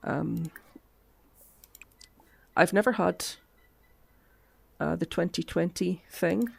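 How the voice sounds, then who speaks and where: Her voice cutting out from a lingering cough, a woman streams games and chats casually, thinking aloud in soft asides. She speaks slowly in a lowish, gravelly voice with a breathy edge, and there's no echo.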